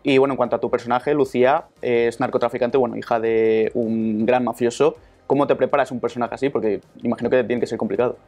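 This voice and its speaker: Very low-voiced fast-talking woman interviewer. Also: fairly even intonation, soft background music. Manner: brisk, attentive questions with soft backchannels. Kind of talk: casual interview.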